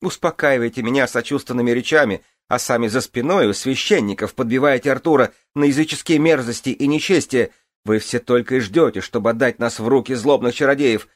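A man's voice: fairly high pitch, huge pitch swings, slow pace, vocal fry, few pauses, dry recording, clean studio sound, pitched above the performer's own voice, exaggerated voice. A man voicing a hysterical young queen who screams accusations in an audiobook. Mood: frantic.

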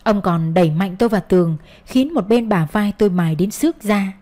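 Woman reading a sad first-person story, bitter and hurt, normal middle pitch. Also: brisk, warm tone. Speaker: narrator.

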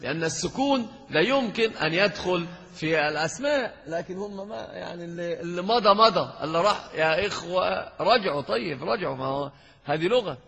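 A man teaches a grammar lesson, his voice high and bright. He talks in a lively way and quizzes his class as he goes. The recording is dull and lo-fi, with long hall reverb. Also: a little fast, gravelly, husky. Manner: lively, questions and teases students. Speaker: sheikh teaching Arabic grammar.

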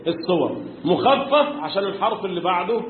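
A man with an Egyptian accent teaching a tajweed lesson, quizzing his students and answering his own questions, chanting verses now and then and often clearing his throat. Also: high-pitched, expressive, brisk, a little hiss or hum. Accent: Egyptian Arabic. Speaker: Quran recitation teacher. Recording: echoey room, tinny phone-like sound.

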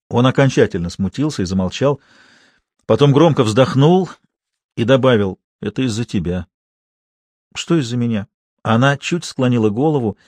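A man narrating an audiobook in steady, even storytelling. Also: medium pitch, no room sound, studio quality. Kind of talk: scripted narration.

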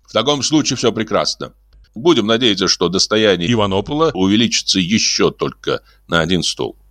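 A man's voice: lowish voice, expressive, brisk, a bit bright, dry recording, soft background music. A man voicing a cool, stern conman who speaks in curt, commanding phrases with dry irony, in an audiobook. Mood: ironic. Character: cool, stern smooth-talking male conman. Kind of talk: audiobook character voice.

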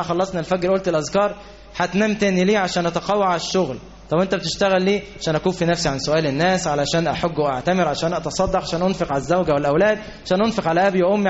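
Egyptian guy preaching super fast, acts out little back-and-forth chats, kinda muffled lo-fi sound. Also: high-pitched. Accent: Egyptian Arabic. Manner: animated, acts out dialogues with rhetorical questions. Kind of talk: conversational religious lesson.

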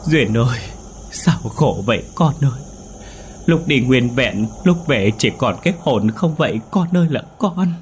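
A man's voice: low voice, a little fast, a little hiss or hum, natural voice. A man voicing a grieving elderly mother who pleads and weeps in a ghost story. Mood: wailing. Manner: tearful, pleading. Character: grieving old mother, wailing.

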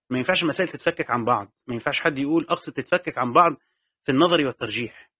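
Speaking in a mid-range, husky, sharp-toned voice at a racing pace, a man with an Egyptian accent gives a classroom lesson on Quranic exegesis. He works through it step by step, repeats key phrases, and poses questions he then answers himself. The studio-quality audio has no echo.

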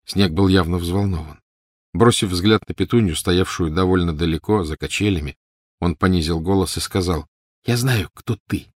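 A man reading a novel aloud in a calm, measured narration. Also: sits low, no echo, studio quality. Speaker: audiobook narrator. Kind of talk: scripted narration.

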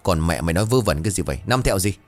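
Bad-tempered old landlord, man voicing him, scolding, cursing, lively pitch. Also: rapid-fire, faint music behind. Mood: angry scolding. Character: gruff bad-tempered older male landlord.

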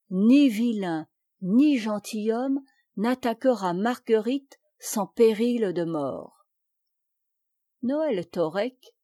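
A woman narrates a classic tale in a measured, unhurried reading voice. Her tone is mellow and soft rather than bright. The recording is close and dry, with no room sound. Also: medium pitch, no echo. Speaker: audiobook reader.

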